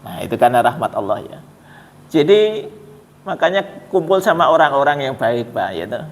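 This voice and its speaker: A man's voice: mid-range voice, sing-song, normal speed. A man with a Javanese accent giving a storytelling sermon at a mosque, talking in a folksy, conversational way and addressing his listeners directly. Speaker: preacher. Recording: echoey mosque hall.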